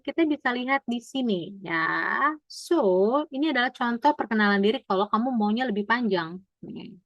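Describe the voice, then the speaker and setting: A woman's voice: a little high, fairly bright tone, no echo, muffled recording. A woman teaching German in an online class over a video call, explaining patiently, mixing in English and quizzing her students.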